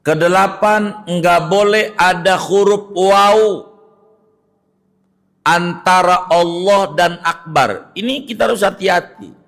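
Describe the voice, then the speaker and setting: A man's voice: sits high, slow pace, gravelly, fairly bright tone. A middle-aged man, a cleric giving a religious study lecture, who draws out recited phrases to demonstrate them and corrects mistakes emphatically. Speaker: Islamic cleric teaching jurisprudence.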